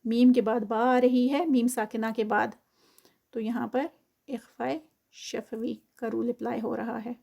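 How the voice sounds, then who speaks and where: A woman teaching Quran tajweed, reciting slowly and drawn out, then explaining quickly in mixed with English terms. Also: on the high side, level tone, creaky, warm tone.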